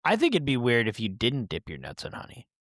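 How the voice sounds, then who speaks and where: A man's voice: mid-range voice, huge pitch swings, brisk, fairly bright tone, no room sound, studio quality. A man co-hosting a podcast in casual banter, rambling and joking, slipping into mock-pompous asides. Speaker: podcast co-host.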